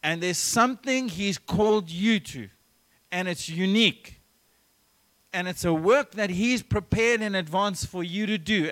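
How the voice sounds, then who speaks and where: Pastor, male, high voice, preaching an earnest church sermon with emphatic phrasing and quick restarts. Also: a bit bright. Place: church service.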